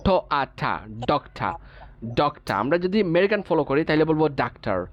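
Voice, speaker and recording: A male teacher slowly sounds out English words syllable by syllable and checks in with "ঠিক আছে?" again and again. His pitch rises and falls with a lot of life. The sound is dull and a bit lo-fi, like audio from an online class. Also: big pitch swings. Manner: breaks words into single sounds and repeats them, asks "ঠিক আছে?" often.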